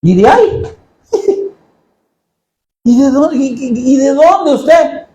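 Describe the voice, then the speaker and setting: A man preaching a sermon in a church, jokey and animated, often asking the congregation questions. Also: very high-pitched, slow, reverberant, poor audio.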